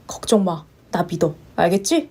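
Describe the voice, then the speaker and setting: A woman voicing a gentle, supportive young husband who speaks softly and reassuringly in a narrated story. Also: sing-song, moderate pace, husky, heavily acted. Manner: soft, reassuring, low-voiced. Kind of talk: story narration with voiced roles.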